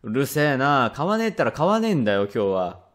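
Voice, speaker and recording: A man voicing a rough, quick-tempered father from old Edo, speaking blunt old Edo Tokyo speech in a rakugo tale. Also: mid-range voice, very animated. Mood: irritated. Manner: gruff, blunt, grumbling. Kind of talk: rakugo storytelling.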